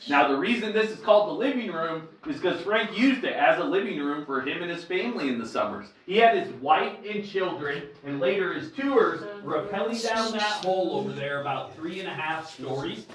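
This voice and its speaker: Guy giving a cave tour, kinda high voice, friendly directions, heavy cave echo, mic a bit far off. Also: animated, brisk, hardly any pauses, a bit bright. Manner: friendly, giving directions and safety tips to visitors. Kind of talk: guided tour talk to a group. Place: underground cave. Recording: echoey cave, voice heard from afar.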